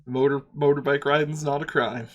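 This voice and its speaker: A man's voice: medium pitch, steady tone, a little fast. A man narrating as game master in a tabletop game, casual, laid-back, cursing freely.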